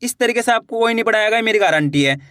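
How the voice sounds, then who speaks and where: A man teaching Hindi reading online, sounding out syllables slowly and then explaining in a brisk, coaxing way, addressing viewers as friends. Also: high voice, animated, fairly bright tone, clean studio sound. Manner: addresses viewers as friends, repeats words for them to echo.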